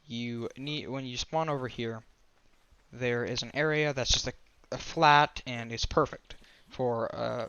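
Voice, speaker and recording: A man's voice: medium pitch, fairly bright tone, lo-fi sound. A man giving a casual voice-over game tutorial, rambling and often restarting or correcting himself. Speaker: gaming tutorial creator.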